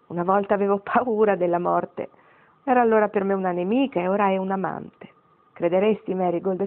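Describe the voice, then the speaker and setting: A woman's voice: mid-range voice, natural voice. A wry, tender great-grandmother from a storybook, musing over the old days, as a woman reads her part. The sound is narrow and phone-like.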